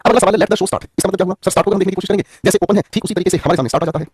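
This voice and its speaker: A man's voice: sits high, very fast, darkish tone, breathy edge, no room sound, clean studio sound. A man teaching an online English grammar class, playful and joking, who teases students by name and often answers his own questions. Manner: repeats questions and answers them himself.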